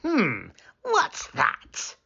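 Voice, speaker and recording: A man voicing a greedy young boy in a read-aloud children's storybook, with a squeaky, whiny, very high put-on voice. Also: huge pitch swings, extremely slow, vocal fry, pushed and bright, heavily acted. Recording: slightly dull lo-fi sound.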